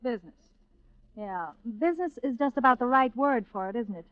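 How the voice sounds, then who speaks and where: An actress playing a hard-bitten young singer with clipped, wry comebacks in an old-time radio drama. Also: female voice, a little high, lively intonation, brisk, no room sound, close to an everyday voice. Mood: wry, cold. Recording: muffled vintage radio recording.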